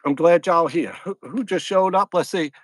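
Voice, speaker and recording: A man's voice: high-pitched, moderate pace, dry recording. A middle-aged man with a Louisiana accent hosts a casual fishing livestream outdoors at a lakeside camp, rambling, repeating himself and greeting viewers one by one. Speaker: fishing channel host.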